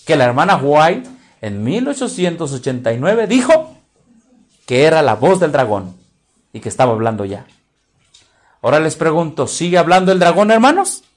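A man with a Mexican Spanish accent preaches a sermon in a slightly high voice with big swings in pitch. He quizzes his listeners with repeated questions and draws out key words for emphatic stress.

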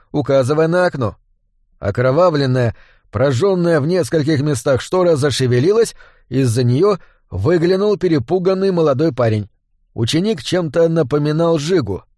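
A man reading a story aloud as an audiobook narrator, in a steady storytelling voice on a close mic. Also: on the high side, no echo.

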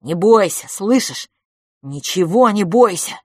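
A woman's voice: medium pitch, animated, takes it slowly, a little mellow, dry recording, studio quality. A woman voicing Franciscus, a frightened and loyal boy who pleads urgently and tearfully. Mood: pleading.

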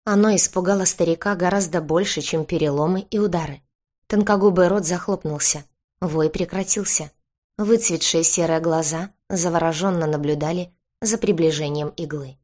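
A woman narrating a first-person novel as an audiobook, in a tense, measured storytelling manner. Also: fairly low pitch, a little mellow.

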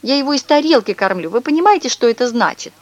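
A shrill, high-strung neighbor lady, as a woman reader puts her on, all scolding and outrage. Her voice climbs high and squeals. It sits close and dry, as in a storybook recording. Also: big pitch swings, fast talker, no echo, lo-fi sound. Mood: indignant. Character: fussy shrill middle-aged woman neighbor, dog-obsessed. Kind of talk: audiobook character reading.

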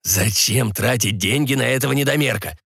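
A man whispering as a raspy pirate ghost. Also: medium pitch, brisk, a bit bright, no room sound, clean studio sound. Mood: scheming. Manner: hoarse whispering into the ear, scheming. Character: lecherous ghost of a male pirate.

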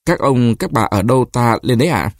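A proud, anxious old village man who stammers when he is shaken, his voice swinging widely up and down, as a man reading the story aloud puts him on. The voice is a little husky, and the sound is close and dry. He comes through an audiobook of a short story. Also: mid-range voice, lively intonation, a little fast, no room sound. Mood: chatty.

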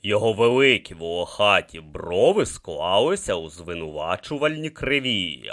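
A man narrating an audiobook with expressive, playful storytelling. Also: lowish voice. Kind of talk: scripted narration.

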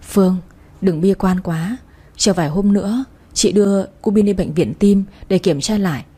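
A woman voicing a caring older woman friend in a storybook reading, speaking in a gentle, soothing way. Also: medium pitch, normal speed, slightly rough, natural voice.

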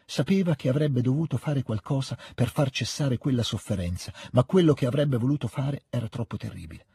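A man reading a classic novel aloud in a measured, dramatic storytelling manner, close to the mic. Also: mid-range voice, gravelly, warm tone, husky. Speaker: reader of a novel. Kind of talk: audiobook reading for radio.

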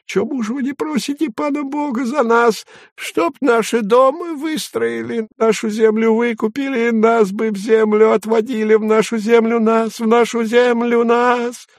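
A man voicing a skinny, anxious old man who pleads and sings in a creaky, high falsetto. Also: normal speed, no echo, studio quality. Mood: singing. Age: older.

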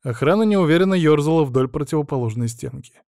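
A man narrating a first-person thriller audiobook in a calm, cold, even voice. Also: on the high side, fast talker, dry recording, clean studio sound.

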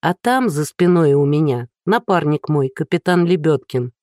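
A woman's voice: sits low, moderate pace, no room sound, studio quality. A reader doing a tactful, firm woman police captain. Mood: steady. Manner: calm, delicate, firm.

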